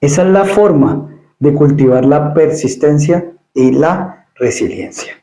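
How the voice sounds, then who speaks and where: A male pastor preaching an emphatic sermon, often repeating words and acting out quick asides. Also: on the high side, dark tone, echoey room, low-quality recording.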